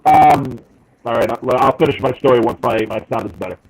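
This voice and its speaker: A man's voice: medium pitch, a little fast, crowd noise. A man co-hosting a podcast remotely, his voice coming through a crackly, staticky call connection as he rambles with jokey asides. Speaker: podcast co-host. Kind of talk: casual chat. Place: home, joining remotely by video call. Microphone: earpiece headset on a remote call.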